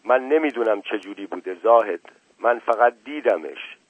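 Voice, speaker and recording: A man's voice: on the low side, expressive, breathy edge, no room sound, narrow, tinny audio. A man voicing a frightened, shaken villager. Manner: fearful, pleading.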